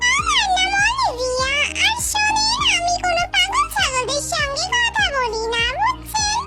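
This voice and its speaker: A snappy, scornful young woman in a cartoon, as a voice actor puts her on, with a very high, squeaky voice that swings around a lot. She talks down to everyone. Loud children's music plays under her voice. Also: very animated, a little slow, heavily acted. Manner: snappy, dismissive. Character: haughty sharp-tongued young woman guest.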